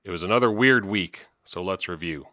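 A man's voice: deep voice, a little fast, sharp tone, no echo. A man from Canada, hosting a podcast, giving dry, mocking commentary on the week's weird news late at night. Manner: dry, mocking, laughs at his own jokes. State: up late, tired. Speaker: podcast host.

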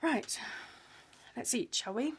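Brittle, unnerved wife, slightly high voice. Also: female voice, lively intonation, slow pace, breathy edge, exaggerated voice. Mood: weary, unnerved. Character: unnerved, exasperated wife pestered by an admirer.

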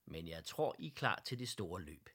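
A man voicing a friendly male teddy bear who coaches the others in cycling, giving calm, encouraging instructions. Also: low voice, breathy edge, heavily acted. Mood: instructive.

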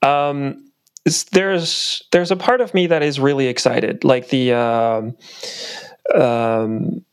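A man hosting a podcast, talking things through as he goes, reflective and conversational. His voice sits at an ordinary middle pitch. The sound is dry and close, with no room around it. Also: steady tone, takes it slowly, clean tone, no room sound. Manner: thinks aloud, reflective. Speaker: podcast host.

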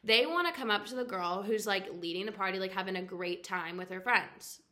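A young woman co-hosting a casual podcast, telling stories in an animated way with lots of "like.". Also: medium pitch, brisk. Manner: animated storytelling, heavy "like" filler. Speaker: podcast co-host. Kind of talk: casual chat. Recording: echoey room.

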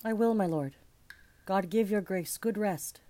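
A woman's voice: medium pitch, measured pace, warm tone, close to an everyday voice. A woman playing a dutiful, uneasy prison keeper, speaking respectfully in classical verse.

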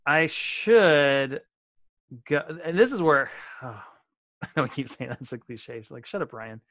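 A man's voice: a little high, expressive, a little slow, fairly bright tone, no room sound, clean studio sound. A man co-hosting a casual sports podcast, chatty and self-deprecating, often restarting his sentences. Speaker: podcast co-host.

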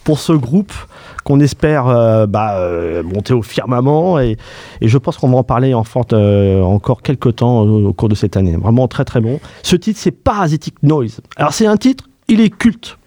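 A male radio host gushes over an album, piling up superlatives and stumbling through fillers. His voice is mellow and warm, and the studio sound is dry and close. He talks in the relaxed manner of an enthusiastic music review chat. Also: mid-range voice, normal speed, no echo. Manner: effusive, repeats praise words, many fillers.

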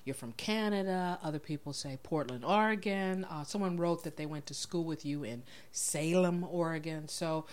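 A woman hosting a casual interview, chatty and relaxed, laughing often and filling pauses with "um" and "uh.". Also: low-pitched. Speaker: podcast host.

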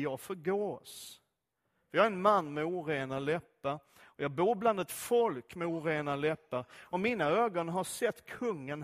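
High-voiced man preaching a sermon. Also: a bit bright. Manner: conversational, filler-heavy, asks listeners direct questions. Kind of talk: sermon with scripture reading.

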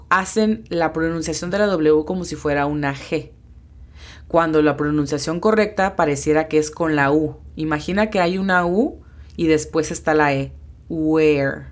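Low-voiced woman teaching a patient language lesson. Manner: patient, explains step by step, slows down to spell out sounds. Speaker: English teacher hosting a lesson podcast.

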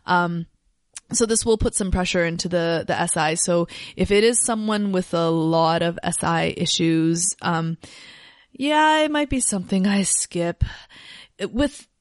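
A woman with a fairly low voice explains yoga postures in a relaxed podcast chat. She thinks out loud, restarting her sentences as she works through an idea. The sound is close and dry, with no room echo. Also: unhurried. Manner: thinks aloud with fillers and restarts. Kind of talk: casual teaching chat.

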